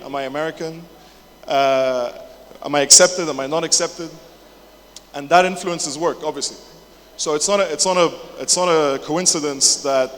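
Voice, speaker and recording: At a large indoor conference, an English man in his twenties speaks in a slightly high, somewhat bright voice. He jokes around casually, restarting sentences, swearing and using lots of fillers, while the hall's echo and faint noise come through.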